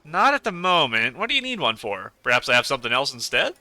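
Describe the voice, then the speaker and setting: A man reading the lines of a gentle, wise woman shopkeeper who speaks in proverbs, in a calm, measured way. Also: mid-range voice, no room sound.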